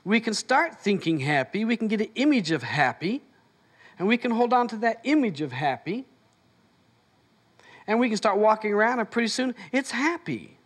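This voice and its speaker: A man's voice: high-pitched, animated, moderate pace. A man leading a motivational seminar, telling stories and acting out both sides of the conversations. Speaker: seminar leader. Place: seminar room before an audience.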